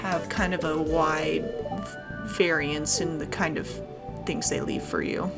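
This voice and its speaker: Her voice is low, creaky, and steady, and she takes her time. She hosts a relaxed let's-play, chatting as she plays, talking through her thoughts, and reading game text aloud while background music runs.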